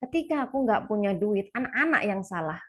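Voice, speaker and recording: A woman talking frankly to a live audience about her own parenting. She is chatty, laughs often, and leaps into a sharp high voice when she acts out quoted lines. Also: animated, a little fast. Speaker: speaker sharing parenting experience. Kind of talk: casual talk to a live audience.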